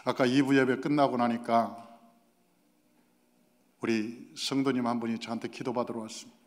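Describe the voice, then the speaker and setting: A man's voice: mid-range voice, flat delivery, moderate pace. A middle-aged male pastor preaching a sermon, telling stories and acting out the quoted dialogue with animation. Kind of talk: sermon with storytelling. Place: church sanctuary. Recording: long reverb of a church hall.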